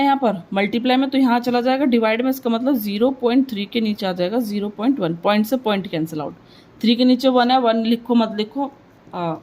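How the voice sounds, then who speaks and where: A woman with a fairly high voice teaching maths, talking herself through each calculation. She keeps asking little questions and answering them right away, dropping English words into her explanation. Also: darkish tone, low-quality recording. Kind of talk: step-by-step maths lesson.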